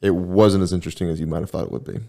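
Deep-voiced laid-back man. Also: flat delivery, rapid-fire, creaky, dark tone. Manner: laid-back, rambling, storytelling. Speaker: podcast host. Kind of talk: casual chat.

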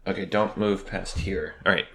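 A man co-hosting a casual comedy podcast, chatting in a playful, teasing and excitable way. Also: sits low, normal speed, crowd noise. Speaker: podcast co-host.

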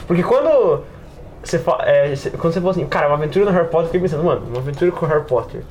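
A Brazilian man on a podcast panel chats casually about tabletop role-playing, rambling and peppering his talk with slang and filler tags. His voice is on the high side and expressive, very fast with a darkish tone, and background noise is clearly audible.

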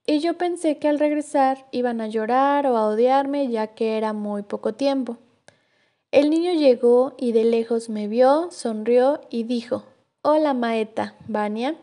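A woman reads a short anecdote in a gentle, measured way. Her voice is fairly high. The tone is soft and mellow. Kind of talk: reading a teacher's anecdote aloud.

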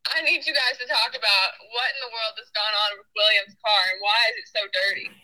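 A woman co-host calling into the podcast, heard over a phone on speaker, complaining quickly and teasingly. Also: a little high, bright, forceful tone, rough recording. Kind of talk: casual chat. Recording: phone speaker held away from the mic.

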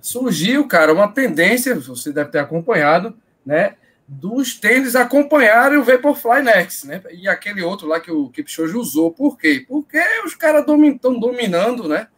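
A man's voice: sits high, expressive, normal speed, fairly bright tone, breathy edge. A man with a Brazilian Portuguese accent hosting a casual live show, addressing people in chummy slang. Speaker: host of a running live stream.

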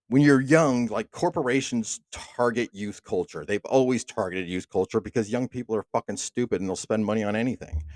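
A man's voice: fairly low pitch, darkish tone, no room sound. Man ranting casually, dry close sound. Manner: profane, rambling rant with frequent restarts. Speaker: podcast host. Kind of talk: casual solo monologue.

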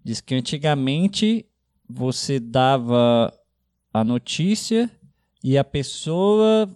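A man's voice: medium pitch, sing-song, slow, a little mellow, clean tone. Hesitant Brazilian male podcast host. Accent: Brazilian Portuguese. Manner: hesitant, restarts his questions. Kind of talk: casual podcast interview.

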